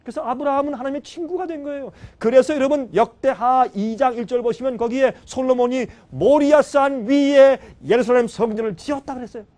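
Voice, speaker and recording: A middle-aged male pastor delivering a sermon. His voice sits high for a man, and he moves from loud bursts to hushed asides. He speaks directly to the congregation as he tells the story. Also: a little fast, few pauses. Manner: swings between loud exclamations and quiet, low asides; emotional storytelling, addresses listeners directly. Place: church seminar hall.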